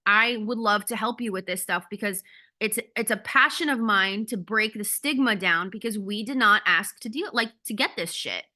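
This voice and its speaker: A woman's voice: mid-range voice, normal speed, pushed and bright. A woman coach giving a casual, candid talk on a video call, blunt and swearing freely. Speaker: ADHD coach.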